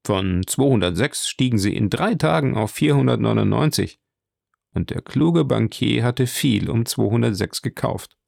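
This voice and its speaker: Guy reading a plain-talking secretary, gravelly voice, dry sound. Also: medium pitch, expressive, normal speed, darkish tone, no echo. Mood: matter-of-fact. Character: evasive male minister's secretary.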